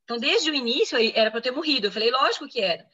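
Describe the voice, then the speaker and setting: A fairly high-pitched woman, a physician, tells a medical story in an interview at a quick clip. Her voice is bright and forceful, and she acts out the people she quotes. The recording sounds slightly dull and lo-fi. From Brazil. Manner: explanatory, quoting others in lively reenactment. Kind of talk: interview answers, personal medical account.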